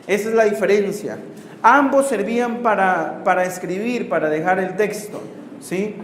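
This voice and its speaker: A man, a missionary priest, teaches a Bible course to a class. He asks rhetorical questions, corrects himself and pauses to write on the board. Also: high-pitched. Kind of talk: classroom lecture with questions to students. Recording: roomy hall reverb, faint background noise.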